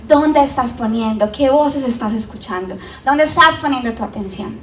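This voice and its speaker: A high-pitched woman with a Colombian accent delivers an animated sermon, acting out the voices of doubters as she goes. She is recorded from a distance in a roomy church hall. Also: normal speed, a little hiss or hum. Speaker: preacher.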